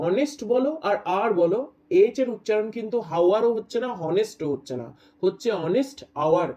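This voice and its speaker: A man teaching a grammar lesson, explaining step by step, reading examples out slowly and often asking his students whether it is clear. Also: high-pitched, mellow, muffled recording. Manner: explains step by step, checks in with "right?"; reads English examples slowly.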